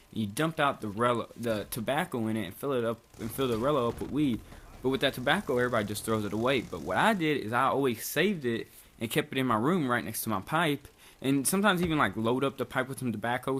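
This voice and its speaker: This is casual storytime during gameplay: a young Bosnian man rambles through a profane tale, saying "like" constantly and cursing freely. His medium-pitched voice is a bit bright, with slight background noise.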